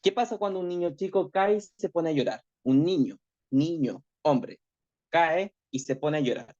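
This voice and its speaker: A man's voice: a little high, expressive, normal speed, a little mellow. A male teacher giving an online class lecture, reflective, checking in with tag questions constantly. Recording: dull lo-fi audio.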